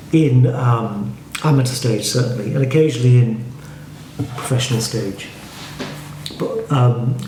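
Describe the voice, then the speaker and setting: A man with a Liverpool accent teaching how to speak verse, brisk and opinionated, splitting each line into its halves. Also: medium pitch, mellow. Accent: Liverpool English. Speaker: acting and speech coach. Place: home studio room. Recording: echoey room with faint noise.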